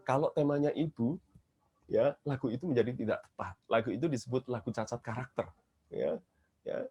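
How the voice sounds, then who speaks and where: A man's voice: medium pitch, brisk, darkish tone. A man with an Indonesian accent teaching children's songwriting in a webinar, explaining patiently and singing short examples. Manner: explains patiently, breaks into short sung demonstrations. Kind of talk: webinar lecture with sung examples. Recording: dull lo-fi webinar audio with faint guitar.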